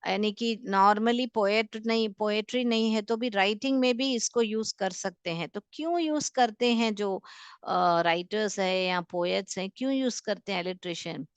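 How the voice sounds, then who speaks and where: A woman's voice: medium pitch, moderate pace, smooth, dry recording. A woman teaching a class, patiently explaining quiz questions and repeating each sound several times. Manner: patient, repeats sounds, calls students "beta". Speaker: school English teacher.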